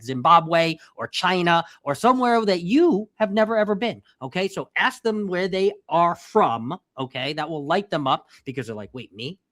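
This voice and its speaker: A man's voice: high voice, fairly bright tone. A man co-hosting a podcast who gives tips in an emphatic way and keeps checking in with "okay?". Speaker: podcast co-host. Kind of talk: casual podcast chat.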